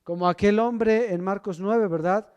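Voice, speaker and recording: A man preaching a sermon, swinging from loud emphasis to hushed low lines and asking the congregation questions as brothers. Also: unhurried, clear, resonant tone, lo-fi sound. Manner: asks the congregation questions, addresses them as brother. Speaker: pastor.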